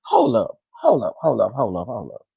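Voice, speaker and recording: Host reacting to a clip: a man with a gravelly, husky voice, loud and scolding, dry close sound. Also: medium pitch, huge pitch swings, moderate pace, no echo, phone-quality sound. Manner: loud, scolding, talks straight to viewers. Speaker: reaction commentator. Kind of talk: reaction commentary.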